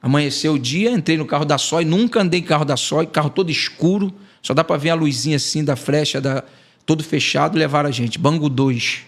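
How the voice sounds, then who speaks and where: A man's voice: fairly high pitch, fairly quick. A man from Brazil, an evangelist giving an emotional testimony on a podcast and acting out the dialogue. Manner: animated storytelling, acting out quoted dialogue. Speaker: evangelist guest.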